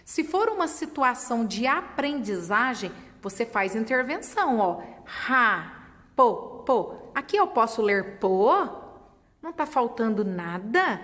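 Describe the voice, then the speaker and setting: Speaking in a high, slightly bright voice, a woman who trains teachers and has a Brazilian Portuguese accent walks them through literacy stages, sounding out words patiently syllable by syllable. Long reverb colors the recording.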